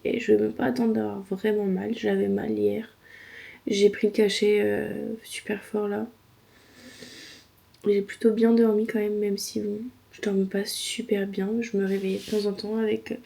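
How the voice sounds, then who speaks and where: A woman's voice: mid-range voice, creaky, mellow. A woman chatting casually to camera in slangy, informal speech, her mouth sore and swollen after wisdom teeth removal, complaining lightly. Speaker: vlogger.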